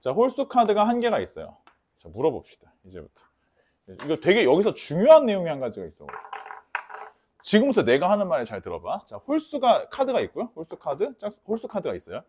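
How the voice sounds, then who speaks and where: A man teaching a math lecture emphatically, drilling warnings and checking his students understand, mixing polite speech with rough slang. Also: high-pitched, wildly swooping pitch, fairly quick, a little mellow, slight background noise. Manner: repeats key warnings, asks students for confirmation.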